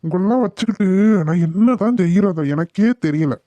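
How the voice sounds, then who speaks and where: A woman's voice: mid-range voice, quick pace, mellow, natural voice. Woman voicing a grumbling village man. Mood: angry. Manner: scolding, complaining. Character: grumbling adult village man, quick to anger. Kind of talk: cartoon voice acting. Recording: dull, dry, lo-fi.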